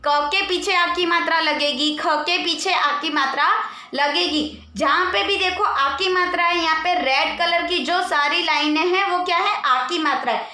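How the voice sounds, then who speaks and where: A woman's voice: very high-pitched, normal speed, pushed and bright, echoey room. A woman teaching a Hindi lesson to young children, patiently spelling out letters one by one and asking the class questions, with a sing-song lilt at the ends of phrases. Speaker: primary school teacher.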